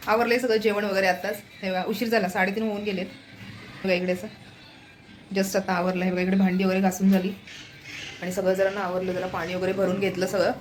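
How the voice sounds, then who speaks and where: A woman's voice: on the high side, background noise. Chatty Marathi-accented woman vlogging chores. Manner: chatty, talks to viewers while doing chores. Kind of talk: casual home vlog narration. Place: apartment at home.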